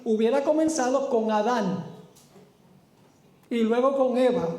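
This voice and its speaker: A man's voice: very high voice, dark tone. A man preaching a sermon, often putting rhetorical questions to his listeners. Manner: asks the audience rhetorical questions. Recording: roomy echo.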